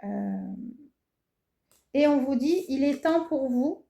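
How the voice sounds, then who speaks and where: A woman's voice: high-pitched, animated, slow pace, gravelly, warm tone. A woman giving a casual horoscope tarot reading, hesitant and reassuring, with frequent fillers. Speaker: tarot reader. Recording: echoey room with faint noise.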